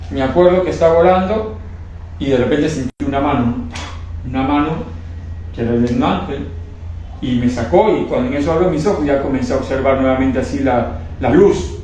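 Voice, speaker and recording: A man's voice: a little high, a little mellow. Fervent man testifying in an echoey room. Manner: fervent, repetitive, stumbling restarts. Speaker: testimony speaker. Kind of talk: emotional religious testimony. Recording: echoey room, distant mic, faint noise.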